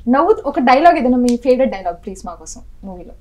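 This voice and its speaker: Female interviewer, high and very animated voice, eager, mixes in English. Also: rough recording. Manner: eager, quick to laugh, mixes English phrases. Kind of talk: casual interview chat.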